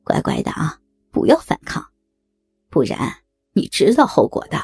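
A woman's voice: sits low, huge pitch swings, normal speed, darkish tone, breathy edge, no echo, soft background music, heavily acted. A woman voicing a cruel, vengeful young male thug who taunts with snickering laughs. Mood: taunting. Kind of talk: audio drama acting.

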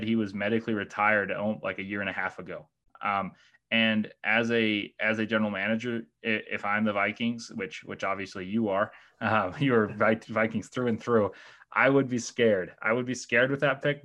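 A man's voice: lowish voice, steady tone, moderate pace, bright, forceful tone. A man talking through football draft picks in a casual podcast chat, thoughtful and hesitant, with many fillers and restarts, and bothered by the hiccups. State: has the hiccups. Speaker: guest analyst.

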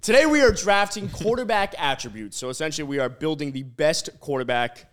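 A man's voice: a little high, animated, fairly quick, a bit bright. A man with a slight lisp, hosting a sports podcast draft with casual banter.

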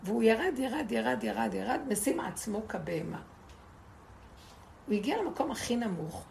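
A woman's voice: fairly high pitch, expressive, gravelly, a little mellow, a little hiss or hum. A woman giving an impassioned spiritual lesson to a group, asking rhetorical questions and repeating words for emphasis. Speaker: Torah teacher.

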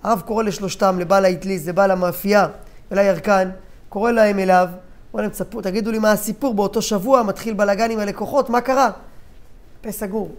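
Male Torah teacher, storytelling lesson, animated, hesitant fillers, loud character quotes, hushed solemn moments. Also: sits high.

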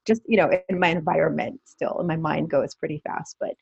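A woman from Brooklyn with a New York accent, a podcast guest talking in a relaxed, friendly, rambling way. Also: sits low, fairly quick, creaky, breathy edge, dry recording. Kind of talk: casual interview chat. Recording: dull, dry remote audio.

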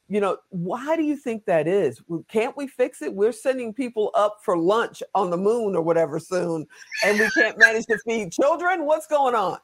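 A male interview host with a notably high voice, talking in a loose, chatty way. He wanders around his questions and slips in jokes as he goes. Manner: chatty, rambling, jokey. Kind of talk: casual interview talk.

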